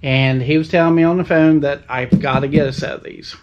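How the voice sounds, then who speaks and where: On his own tool-review channel, a man with a slightly high, steady voice speaks briskly, casually demonstrating car ramps outdoors step by step in a folksy, plain-spoken way. The audio sounds dull.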